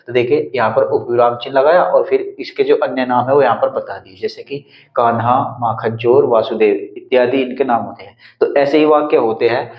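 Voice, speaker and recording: At a brisk pace and with a steady medium-pitched tone, a man teaches Hindi punctuation on the whiteboard, going step by step and saying each example twice. The room is echoey and the sound a bit dull.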